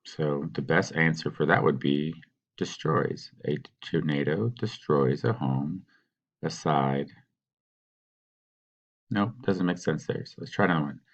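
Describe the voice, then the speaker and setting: A man teaching, patiently talking students through a worksheet and sounding out words slowly. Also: a bass voice, lo-fi sound. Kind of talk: recorded classroom walkthrough.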